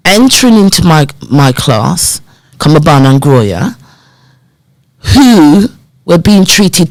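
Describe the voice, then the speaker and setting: Her voice low-pitched, a woman in her fifties shares personal stories as a podcast guest, vividly acting out past conversations. She works in community development. The recording is dry and low in quality.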